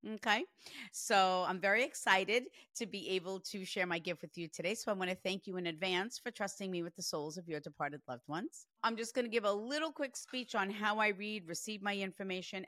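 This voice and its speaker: A psychic medium in her forties chats her way through a spirit reading, animated and dropping "like" constantly. Her voice is medium-pitched. The studio-quality recording has no room sound.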